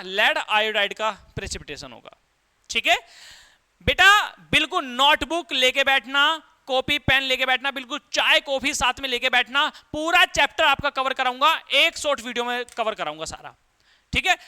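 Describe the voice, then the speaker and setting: Teaching a chemistry class about lab activities, this man has a very high, pushed, bright voice with a clean tone. He keeps posing questions to his students and answering them himself, calling them "beta" the way a teacher does.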